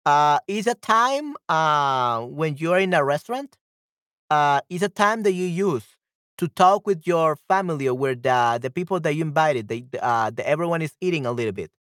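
A man hosting a live-stream language lesson, cheerful and quick to laugh, repeating phrases slowly and switching between two languages. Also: on the high side, expressive, a bit bright, dry recording, clean studio sound.

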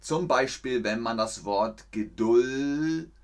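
A man teaching a live online language lesson, answering chat questions patiently and repeating example sentences clearly. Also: mid-range voice, slow pace. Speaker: German language teacher streaming.

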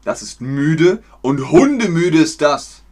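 Man, from Germany, German teacher, livestream lesson, slow deliberate pace, clear patient explaining. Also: a little high, sing-song, darkish tone.

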